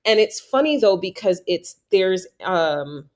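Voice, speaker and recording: A woman's voice: medium pitch, lively intonation, unhurried, a little mellow. A woman from New York hosting a casual interview, talking in a thoughtful, conversational way. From New York, USA. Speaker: podcast host.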